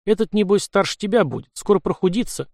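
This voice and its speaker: A man's voice: high voice, expressive, fast talker, darkish tone, dry recording, clean studio sound, pitched above the performer's own voice. A man reading the part of a wry, friendly male security officer in an audiobook.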